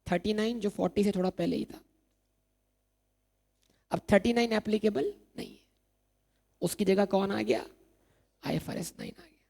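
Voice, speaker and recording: In this recorded exam-prep accounting lecture, a man with a high voice, vocal fry, and a slightly mellow quality poses questions to the class, answers them himself, and keeps repeating the key terms.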